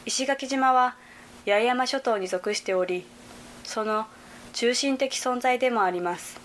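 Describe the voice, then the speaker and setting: A woman's voice: a little high, slight background noise. Young woman reading a report aloud. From Hyogo Prefecture, Japan. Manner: careful, measured reading. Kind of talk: scripted narration.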